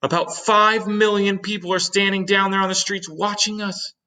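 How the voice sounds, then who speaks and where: A man voicing a frightened male fire department chief with shrill, shouted lines. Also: little pitch movement, moderate pace.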